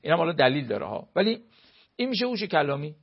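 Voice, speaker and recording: Earnest lecturing cleric, fairly high voice. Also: male voice, very animated, vocal fry, breathy edge, muffled recording. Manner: earnest, lecturing, gives everyday examples. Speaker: cleric giving marriage advice. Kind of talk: explanatory talk on marriage.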